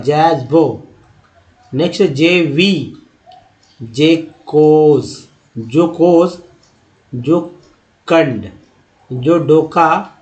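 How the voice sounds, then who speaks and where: Man slowly sounding out English words. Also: a little high. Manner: patient, repeats words slowly to sound them out. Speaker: English teacher. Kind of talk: Hindi-language phonics lesson.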